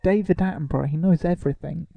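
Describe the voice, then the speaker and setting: Male podcast co-host, gravelly, teasing, dry studio sound. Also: fairly high pitch, fast, dry recording, highs cut off. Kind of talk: casual comedic chat.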